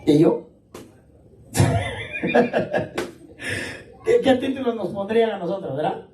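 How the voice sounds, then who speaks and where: A man's voice: high-pitched, lively intonation, a little fast, warm tone, roomy sound, recorded from a distance, a little hiss or hum, poor audio. A man preaching a sermon to his congregation in a casual, talkative way, calling listeners "brother". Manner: colloquial preaching, addresses listeners as "hermano". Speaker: pastor. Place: church.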